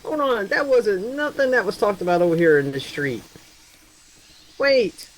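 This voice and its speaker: Woman, incredulous, blunt, casual voice chat, mid pitch. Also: sing-song, unhurried, slight background noise, low-quality recording. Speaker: participant in a group voice chat.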